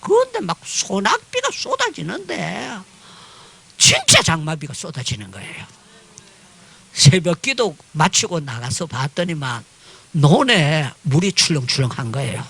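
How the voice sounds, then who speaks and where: A man's voice: on the high side, a little slow, gravelly, breathy edge. An older man, a pastor and missionary, telling a testimony in a sermon on prayer and acting out the voices of people in his story. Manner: animated storytelling, crying out in prayer, acting out dialogue.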